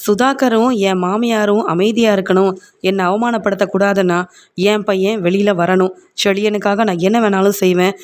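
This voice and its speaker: A man's voice: high voice, steady tone, moderate pace, smooth, lightly acted. Male narrator as desperate mother pleading; plain read, light tone. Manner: tearful, pleading. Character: distressed middle-aged mother pleading for help.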